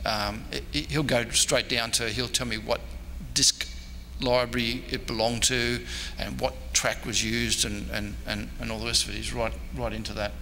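This Australian historian, a man in his sixties, rambles hesitantly and pokes fun at himself during a casual convention lecture with audience questions. His voice sits at medium pitch with little movement, a moderate pace, vocal fry, a sharp edge and hardly any pauses. The indoor meeting room is echoey, with noise in the background.

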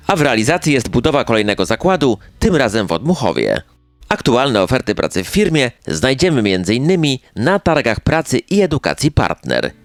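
A man reading scripted local news narration as a newsreel announcer. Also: medium pitch. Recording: music bed under voice. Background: background music.

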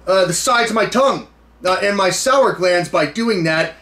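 High-pitched American man, challenge host. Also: animated, normal speed, sharp tone. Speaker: food challenge video host. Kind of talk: casual to-camera challenge talk. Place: small indoor room full of memorabilia.

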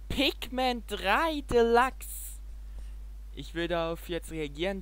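A man doing casual reaction commentary as a streamer, with an animated, exclamatory way of talking. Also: fairly high pitch. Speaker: streamer making reaction videos.

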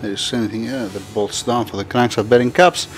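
A Greek-speaking man films his own engine rebuild in a workshop on a handheld camera, narrating casually and thinking aloud, often restarting and using non-native phrasing. His medium-pitched voice is brisk with fairly even intonation, and there is slight background noise.

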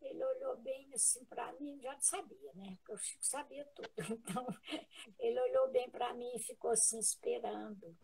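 A woman with a Brazilian Portuguese accent, a guest in a live interview, telling a personal story in an earnest, halting way with many restarts. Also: a little high, creaky, dark tone, a little hiss or hum, rough recording.

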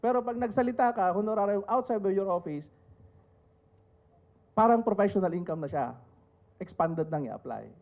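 A man's voice: sits high, animated, normal speed, pauses often, darkish tone. A middle-aged man with a Filipino accent giving a panel talk, explaining rules with rhetorical questions and joking asides. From Philippines. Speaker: tax lawyer speaking on a panel. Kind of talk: lecture to an audience, mixing Tagalog and English.

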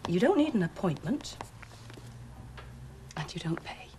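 An actress playing a middle-aged, composed social worker who speaks in a measured, official way in a television drama. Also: female voice, lowish voice, big pitch swings, darkish tone, slight background noise. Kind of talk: naturalistic television drama acting. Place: office indoors.

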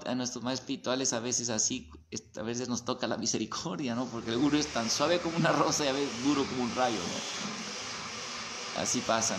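A man with a Mexican accent giving a lively storytelling talk to devotees, acting out voices and sounds as he goes. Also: mid-range voice, slight background noise. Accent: Mexican Spanish. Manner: animated storyteller, acts out voices and sounds, often asks "¿verdad?". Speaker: spiritual teacher.

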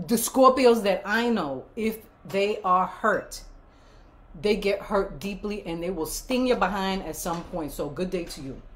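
A woman's voice: mid-range voice, a little hiss or hum. A woman in her fifties hosting a casual livestream chat, playful and emphatic, cheering viewers on with repeated phrases. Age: 50s. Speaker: livestream show host.

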